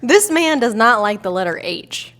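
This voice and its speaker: A woman's voice: a little high, very animated, normal speed, a bit bright. A young woman co-hosting a casual couple's podcast, playfully teasing her partner with mock-dramatic flair. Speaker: podcast co-host.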